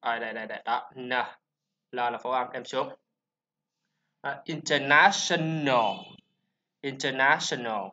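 A man with a Vietnamese accent teaching English pronunciation, drilling sounds and syllables slowly with chatty asides. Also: mid-range voice, steady tone, bright, forceful tone. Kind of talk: informal pronunciation lesson. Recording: slightly dull lo-fi sound.

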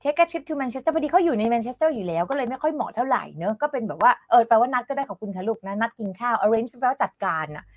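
Lively woman teaching English online. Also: on the high side, fast talker, few pauses, no echo. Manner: chatty, laughs often, coaxes students to answer. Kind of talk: live online English lesson.

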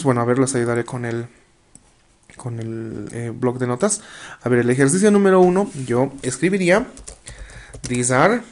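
A man teaching an English class in Spanish, reading English lines slowly and checking in with "¿no?" after most phrases. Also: mid-range voice, darkish tone. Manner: slow, explains in Spanish, frequent "¿no?" checks; reads English text aloud slowly. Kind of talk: online class walkthrough.

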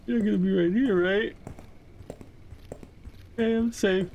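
A man's voice: fairly even intonation, slow, darkish tone, a little hiss or hum. A man commenting as he plays a horror game, reading lines aloud, talking to the monsters and yelping when scared. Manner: jittery, rambling, jumps to high-pitched yelps when scared. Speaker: gaming channel host.

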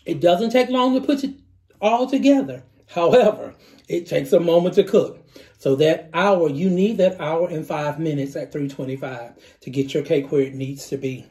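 Mellow-voiced man demonstrating a recipe. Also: a little high, moderate pace. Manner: instructive, repeats key steps, savoring exclamations. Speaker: cooking show host. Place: home kitchen, indoors, small.

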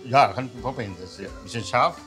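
A man cooks in a big professional kitchen. He answers in brief, simple phrases and agrees often, and his pitch sits mid-range for a man. Background music and a sizzling pan run under his voice. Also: fast talker, a bit bright. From Sri Lanka. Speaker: chef, sauce cook. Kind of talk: casual cooking chat. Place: large professional kitchen indoors.

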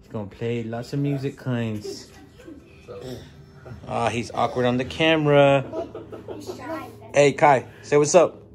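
A man's voice: mid-range voice, steady tone, takes it slowly, pauses often. A man chatting casually in an easygoing, storytelling way for his vlog. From Texas, US. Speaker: barber and vlogger. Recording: loud background noise, traffic.

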